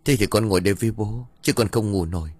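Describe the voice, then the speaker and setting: A man's voice: on the low side, fast talker, darkish tone, no room sound, natural voice. A man playing an earnest young son. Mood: earnest pleading. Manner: pleading, earnest.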